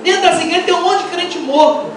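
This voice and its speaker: High-voiced Brazilian woman preaching fervently. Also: fast talker, slight background noise. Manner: impassioned, rhetorical questions, bursts of shouting. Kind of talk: fervent Pentecostal sermon. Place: large church hall. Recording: echoey church hall, mic far off.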